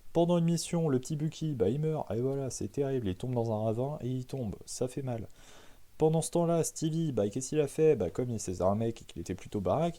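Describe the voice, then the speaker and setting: A man's voice: medium pitch, warm tone. A man doing a casual, comic movie recap as a film reviewer, slangy and irreverent, who keeps asking himself rhetorical questions.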